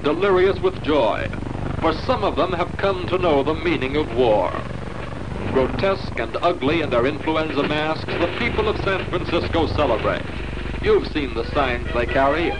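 A man's voice: on the high side, low-quality recording. A man giving scripted, declamatory old newsreel narration. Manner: declamatory, rousing.

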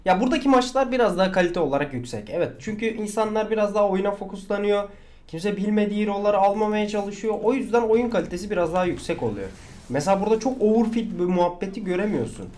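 Man, gameplay commentary, excitable, shouts and swears, very lively pitch. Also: fast, a little hiss or hum. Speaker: gaming channel host.

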